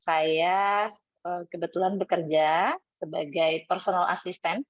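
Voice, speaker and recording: Seorang perempuan tamu wawancara bercerita santai, sering menirukan percakapan dengan nada lebih tinggi. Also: female voice, fairly even intonation, measured pace, no room sound. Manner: chatty, acts out quoted dialogue with rising pitch. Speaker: interview guest. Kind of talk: casual storytelling. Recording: dull dry lo-fi sound.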